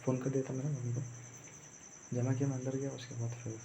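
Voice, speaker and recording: Telling the story of his exam day, a young male vlogger rambles and repeats himself in a casual way, talking fast. His medium-pitched voice is creaky with little pitch movement, and the lo-fi recording is muffled, with faint noise behind it.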